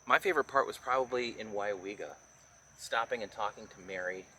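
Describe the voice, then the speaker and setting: A man's voice: lowish voice, fairly quick, pushed and bright, slight background noise, rough recording. A man hosting a motorcycle vlog, chatting casually in an outdoor recording. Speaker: motovlog host. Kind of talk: casual chat.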